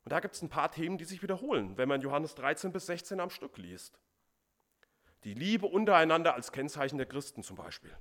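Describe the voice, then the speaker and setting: A man's voice: fairly high pitch, very animated, fairly quick, a bit bright. A man preaching a sermon as pastor, stressing and repeating key words for emphasis.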